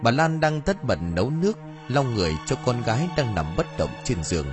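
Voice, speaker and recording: A man reading a story aloud as narrator, in an expressive, dramatic audiobook style. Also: mid-range voice, fairly quick. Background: faint music.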